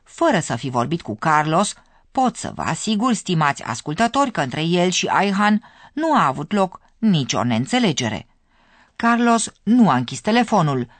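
A narrator explains a radio language course in a measured way, with a lively, varied intonation. The voice sits at a middle pitch in a dry studio recording. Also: no room sound.

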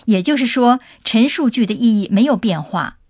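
A woman's voice: on the high side, expressive, moderate pace, darkish tone, no echo. A woman hosting a radio language lesson, putting listeners' questions to a professor. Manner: asks the expert leading questions.

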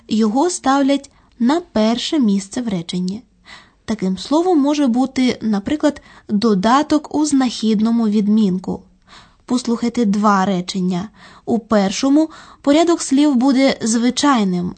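Female lecturer, mellow tone, slightly high, didactic delivery. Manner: measured, didactic. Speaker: language lecturer. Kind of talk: scripted grammar lecture.

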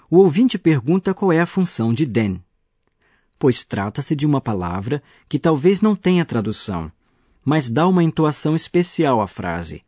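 A man's voice: mid-range voice, a little mellow, husky, dry recording. A man acting as a teacher, patiently explaining grammar in a scripted radio lesson. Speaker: language teacher.

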